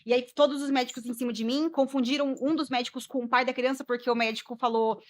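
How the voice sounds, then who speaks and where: A woman's voice: high voice, fairly even intonation, fast talker. A woman, a guest mother telling her personal story expressively, acting out the dialogue and laughing along the way.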